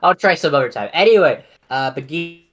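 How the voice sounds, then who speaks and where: A man's voice: fairly high pitch, lively intonation, a little fast, a bit bright. Rambling man playing a tabletop game. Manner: hesitant, rambling with many fillers. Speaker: player. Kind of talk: casual tabletop role-play.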